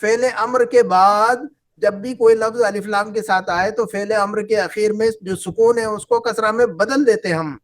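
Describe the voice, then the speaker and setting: A man's voice: sits high, fairly even intonation, moderate pace. A man teaching an Arabic class, patiently repeating phrases and quizzing his students. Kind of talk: online class lesson.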